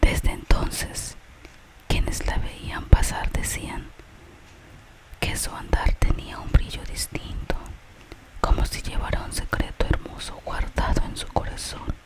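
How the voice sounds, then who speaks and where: An ASMR storyteller whispers a gentle tale from start to finish. The delivery is very slow and unhurried, with no full voice in it. The narration moves softly from the story toward its moral. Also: poor audio.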